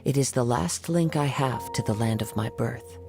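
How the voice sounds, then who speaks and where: A grave woman in a fantasy game. Her voice is low and restrained, with music clearly playing behind it. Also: normal speed. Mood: solemn. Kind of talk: video game voice acting.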